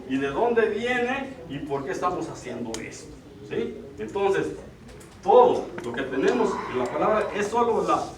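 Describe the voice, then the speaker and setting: A man's voice: on the high side, noisy background. A middle-aged man giving an earnest church retreat talk, often checking in with listeners. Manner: earnest, questions the audience with tag "ok?". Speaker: lay speaker at a church retreat. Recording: roomy hall, from far off.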